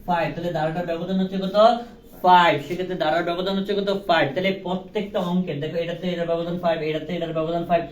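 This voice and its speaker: A man's voice: sits high, flat delivery, fast talker. A young man teaching a live online class, asking questions and answering them himself in a casual, joking way. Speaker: online tutor. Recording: roomy, distant mic with faint ambience.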